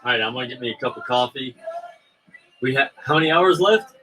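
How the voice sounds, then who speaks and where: A man's voice: medium pitch, a little fast, bright, forceful tone, poor audio. A man co-hosting a casual livestream, bantering in a joking, teasing and rambling way. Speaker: livestream co-host promoting a crowdfunding campaign.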